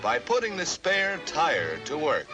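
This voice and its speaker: A man's voice: a little high, huge pitch swings, measured pace, creaky. A man narrating an old newsreel in an upbeat, showy announcer manner. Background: music.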